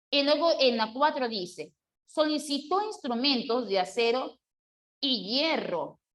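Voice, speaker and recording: Woman, classroom teacher, slightly high voice, step-by-step explanations, asks and answers her own questions. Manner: explains step by step with worked examples and rhetorical questions. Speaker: language teacher. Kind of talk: classroom grammar lesson.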